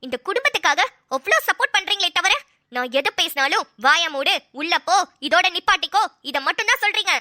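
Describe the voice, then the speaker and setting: Lady doing an angry wife who won't back down, confrontational, high piercing voice. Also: lively intonation, fairly quick, sharp tone, no echo, clean studio sound, heavily acted. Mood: defiant. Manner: scolding, confrontational. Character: angry young wife, sharp-tongued and defiant.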